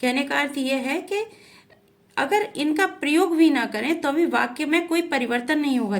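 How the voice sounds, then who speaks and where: A woman with a slightly high voice gives a grammar lesson at a slow, careful pace. She repeats each definition and keeps checking that students follow. Writing can be heard faintly behind her. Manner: slow and deliberate, repeats definitions, often adds "ठीक है". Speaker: Hindi grammar teacher. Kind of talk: explanatory lesson.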